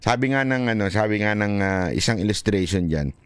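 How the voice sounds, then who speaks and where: A man with a Filipino accent giving casual political commentary, animated and laughing often. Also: fairly low pitch, brisk, clear, resonant tone, dry recording, clean studio sound. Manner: animated, laughing often, switching between Tagalog and English.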